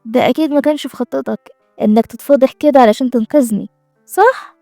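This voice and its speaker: A woman's voice: sits high, fast, vocal fry, mellow, no room sound, clean studio sound, soft background music. A woman voicing a proud, doubting young female assistant who talks in a pointed, sometimes sarcastic way with an Egyptian Arabic accent. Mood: earnest.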